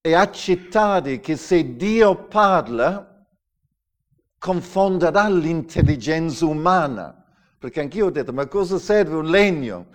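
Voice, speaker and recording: A middle-aged man, a pastor, preaching a sermon with emphatic declarations and hushed asides. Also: on the high side.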